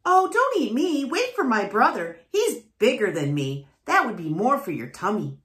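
A woman's voice: fairly high pitch, big pitch swings, moderate pace, a bit bright, voice pushed up. A woman voicing an eager middle-sized billy goat. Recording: echoey room.

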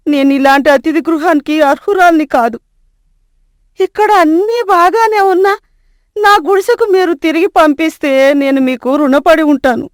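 A woman's voice: high-pitched, fairly even intonation, moderate pace, dry recording, clean studio sound, lightly acted. A woman voicing a poor, homesick old village grandmother in a storybook tale, with a pleading, aged manner. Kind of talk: storybook voice acting.

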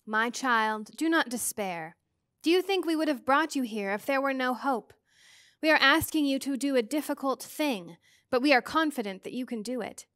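A gentle, wise ancient star being, as a woman puts her on. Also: high-pitched, lively intonation, normal speed, no room sound, studio quality. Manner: gentle, patient and reassuring.

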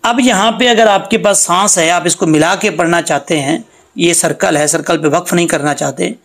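A man with a high, gravelly voice runs a screen-recorded lesson at his computer, explaining each rule patiently. He repeats the words slowly and stretches the recited phrases out in a chant. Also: fairly bright tone. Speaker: Quran reading teacher.

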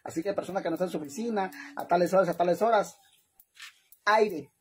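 A woman with a Mexican accent chatting casually on a livestream, talkative and animated, laughing often and calling her viewers "hermanas". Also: fairly low pitch, quick pace, a little hiss or hum. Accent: Mexican Spanish. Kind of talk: casual livestream chat to followers.

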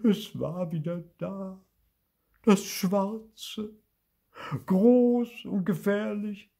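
A frightened little ghost girl whimpers and stammers in a squeaky, high, wavering voice, put on by an older man reading a children's book. Her words drag out slowly through husky tearfulness. Her pitch swoops wildly between sobs. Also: sing-song, warm tone, exaggerated voice. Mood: wailing scared. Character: timid wailing ghost girl, always scared.

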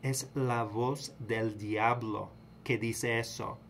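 Slow, halting preachy man. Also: medium pitch, steady tone, noisy background. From United States. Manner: halting, repeats words, preachy. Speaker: vlogger. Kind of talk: casual spoken sermon.

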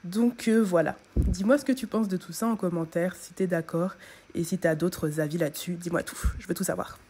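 A woman's voice: on the low side, brisk, dark tone, slight background noise. A young woman vlogging in a casual chat, talking straight to the viewer. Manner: chatty, talks straight to the viewer. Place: at home.

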